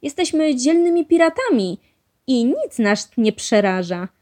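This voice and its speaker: A woman reading a children's storybook aloud, voicing an eager, brave little boy mouse with excited exclamations. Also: medium pitch, slow.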